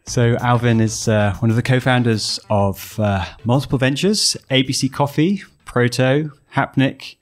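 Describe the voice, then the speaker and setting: A man's voice: medium pitch, unhurried, few pauses. A man hosting a casual podcast chat, hesitant with many fillers. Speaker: podcast host.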